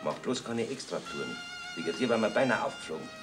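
Actor as a deep-voiced, stern accomplice. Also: male voice, expressive, fast, music in the background, close to an everyday voice. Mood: stern warning. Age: middle-aged. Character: stern, wary middle-aged accomplice in a murder cover-up. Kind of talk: 1960s German TV crime acting.

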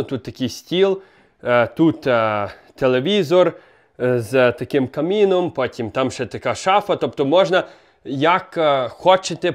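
A young man casually showing a basement apartment on a handheld phone camera, chatty with many fillers and restarts. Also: fairly high pitch. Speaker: vlogger giving a home tour. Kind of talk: casual walking tour vlog. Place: outdoors in snow, then indoors in a basement apartment.

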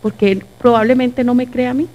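A middle-aged woman with a Costa Rican accent, giving a lively testimony to a church audience and acting out the dialogue. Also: fairly high pitch, fairly quick, dull audio. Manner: animated storyteller acting out dialogue. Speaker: church speaker.

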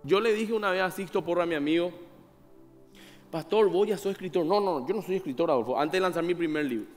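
A man's voice: sits high, fairly quick, big-room sound, soft background music. A man, a pastor preaching a sermon in a conversational way, asking the congregation questions and acting out little scenes of dialogue. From Paraguay. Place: church hall.

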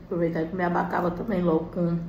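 Woman, Brazilian accent, slightly low voice, casual mukbang commentary, short remarks while eating, roomy sound, faint noise. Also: flat delivery, very fast, gravelly, a little mellow, dull audio. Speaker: mukbang vlogger. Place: small indoor room at home.

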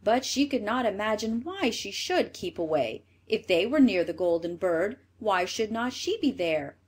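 A woman reading a fairy tale aloud in an expressive storybook manner. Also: mid-range voice, normal speed, husky.

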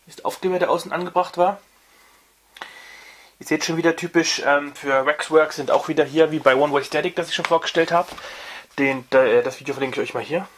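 A man's voice: on the high side, brisk, a bit bright, a little hiss or hum. A young man hosting a casual record review, talking off camera with many fillers and restarts. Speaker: vinyl review channel host.

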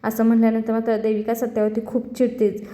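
A woman's voice: a little high, monotone, quick pace, warm tone. Woman chatting through a story recap. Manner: chatty, loose storytelling with restarts. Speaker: serial recap narrator. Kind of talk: casual retelling of a TV serial episode. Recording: echoey room.

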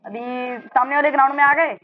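A man, giving loud, excited commentary on his own gameplay as a channel host and calling out to his opponent. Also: extremely high pitch, fast talker, no room sound, phone-quality sound. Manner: loud, exclamatory, bossing his opponent around.

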